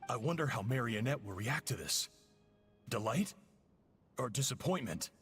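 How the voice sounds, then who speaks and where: A man's voice: medium pitch, lively intonation, normal speed, a bit bright, breathy edge, faint music behind, heavily acted. A man playing a smug, menacing artificial agent in a video game, speaking in a mocking, theatrical and formal way.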